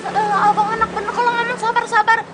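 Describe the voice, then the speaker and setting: A woman's voice: very high-pitched, little pitch movement, fast, music in the background. An actress playing an impatient, nagging young neighbourhood woman with a Jakarta accent in a TV comedy-drama. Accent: Betawi Jakarta. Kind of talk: scripted TV comedy-drama acting. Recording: loud street noise and crowd.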